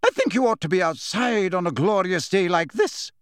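Professor McGonagall, a man voicing a high-pitched, brisk schoolmistress. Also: expressive, no echo, studio quality. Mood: brisk, dry. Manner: brisk, clipped authority. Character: brisk, dry older female professor, stern but fair.

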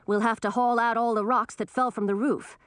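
A woman doing a calm practical male creature, storybook, dry sound. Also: fairly high pitch, brisk, smooth, no room sound, voice pushed up, lightly acted.

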